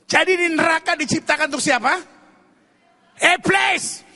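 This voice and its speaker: A man preaching in a church, joking and calling out to his congregation with lots of energy. His voice sits high and bright, with a gravelly, husky edge that roughens his loud phrases. He swings between chatty asides and fervent declarations. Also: brisk. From Indonesia. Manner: animated, joking, calls out to the congregation. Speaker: pastor. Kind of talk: charismatic sermon with jokes.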